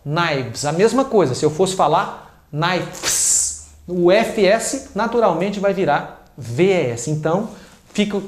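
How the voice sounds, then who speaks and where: A man with a Brazilian Portuguese accent giving a casual, chatty English lesson, explaining through examples and often checking in with "né" and "ok". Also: sits high. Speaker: English teacher. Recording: roomy echo.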